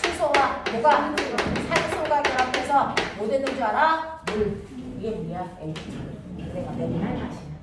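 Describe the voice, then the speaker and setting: A woman with a high voice teaches a science class, firing off playful check questions to her students. She sounds distant from the mic, in a very echoey room. Steady noise runs under the recording. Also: a little slow. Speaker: middle school science teacher. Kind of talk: classroom lesson with call-and-response questions.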